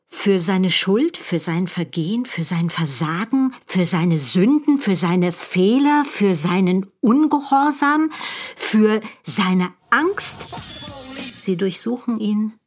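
A woman narrating a drama in a scripted, intense way, often addressing the listener directly and asking rhetorical questions. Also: fairly low pitch. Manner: intense, second-person, rhetorical.

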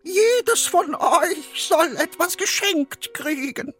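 Mother goat from a storybook, shrill and unhurried, a man putting on the voice; soft music underneath. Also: lively intonation, heavily acted. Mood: coaxing. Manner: high, slow, drawn-out falsetto. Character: mother goat, also wolf faking her voice. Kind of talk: storybook narration.

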